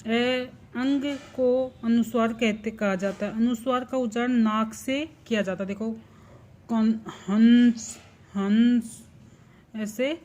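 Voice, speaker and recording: A woman teaching a primary class, explaining slowly and deliberately, spelling out sounds one at a time and answering her own questions. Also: fairly high pitch. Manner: slow and deliberate, asks the class questions and answers them herself. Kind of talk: slow explanatory lesson.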